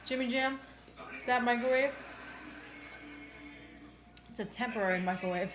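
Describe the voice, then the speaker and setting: A woman's voice: on the high side, measured pace, over music. A woman chatting informally as she co-hosts an eating show, repeating phrases in a loose, casual way. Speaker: mukbang co-host. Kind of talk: casual chat while eating, answering viewers. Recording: roomy, echoey indoor sound.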